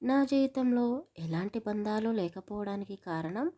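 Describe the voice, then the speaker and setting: A woman's voice: medium pitch, lively intonation, a little slow, dark tone, voice pushed down, natural voice. A woman voicing a stern, angry young village man who scolds harshly in a storybook.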